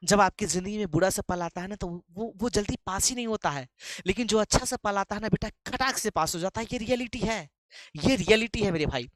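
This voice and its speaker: A man's voice: sits high, brisk, a bit bright, dry recording. A man teaching an English poem in a live online class, chatty and playful, calling students "beta".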